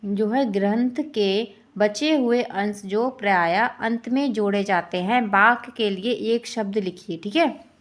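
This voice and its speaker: A woman teacher speaks slowly in a mid-range voice, her accent Hindi-belt Indian. She reviews exam questions and answers for test preparation, bouncing each answer back as a quiz question.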